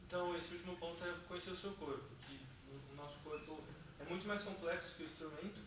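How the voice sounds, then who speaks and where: A man with a Brazilian Portuguese accent quickly summarizing a talk as its interpreter, hesitant, with many fillers. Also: a little high. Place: hotel event hall. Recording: echoey hall from far off, with noise.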